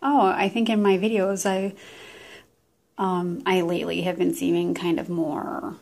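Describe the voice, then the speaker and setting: A woman rambling casually into a camera at home, meandering and self-deprecating with many pauses and ums. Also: fairly low pitch, level tone, vocal fry, darkish tone. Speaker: vlogger. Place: at home indoors.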